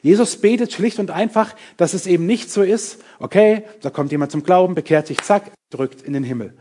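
Emphatic husky German-speaking preacher man. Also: high-pitched, fairly quick. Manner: lively, emphatic, self-mocking, addresses the congregation directly. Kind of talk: sermon.

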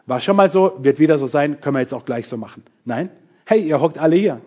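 A middle-aged man delivers an emphatic, lively sermon, addressing his congregation directly and slipping in self-mocking asides. His voice is fairly high and his pace quick.

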